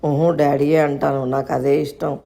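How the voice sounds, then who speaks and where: Woman doing a chatty innocent boy, gravelly voice, rambling on in a storybook. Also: low-pitched, level tone, moderate pace, warm tone.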